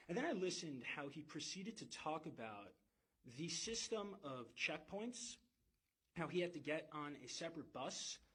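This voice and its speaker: Husky, higher-voiced man. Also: fairly bright tone, poor audio. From United States. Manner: intense, emphatic, with swearing. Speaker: speaker telling his own story. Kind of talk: personal testimony.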